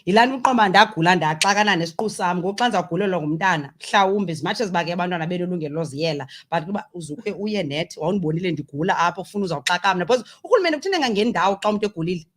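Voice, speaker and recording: A woman's voice: on the low side, lively intonation, racing, hardly any pauses, a bit bright. A woman with a South African Xhosa accent presenting a conversational radio interview, talkative and emphatic as she switches between two languages.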